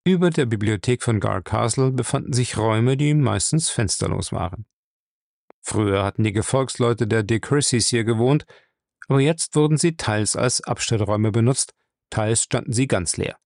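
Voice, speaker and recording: Gravelly male audiobook narrator. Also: mid-range voice, dry recording, studio quality. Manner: steady, measured storytelling. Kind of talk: audiobook reading.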